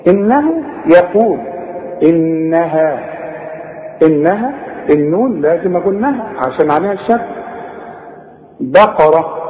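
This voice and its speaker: An Egyptian man teaching Quran recitation rules, correcting mistakes and chanting verses slowly. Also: fairly high pitch, muffled recording. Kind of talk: tajweed lesson with recitation. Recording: echoey room with long reverb.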